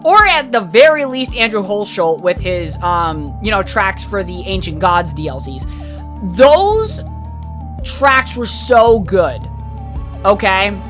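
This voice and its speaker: A woman's voice: mid-range voice, very animated, slow pace, fairly bright tone, faint music behind. A woman hosting a podcast, giving a casual, opinionated review in a rambling, candid way, with lots of fillers and some swearing. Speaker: podcast host reviewing a video game.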